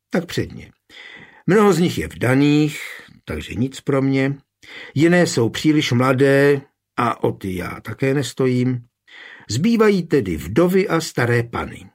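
A man reading the part of a calm, wry, confident suitor in an audiobook, with a husky voice. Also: mid-range voice, voice pushed up.

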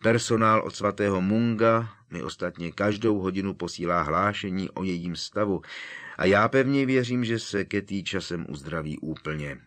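A man voicing a calm, wise elderly headmaster in an audiobook reading, measured and soothing. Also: low voice. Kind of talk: audiobook character voice.

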